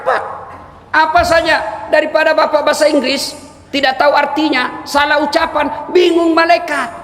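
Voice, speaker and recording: A middle-aged man from South Sulawesi, giving a comic sermon in an animated, joking way with sudden shouts. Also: very high voice, background noise. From South Sulawesi, Indonesia. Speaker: preacher. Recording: echoey hall, faint ambience.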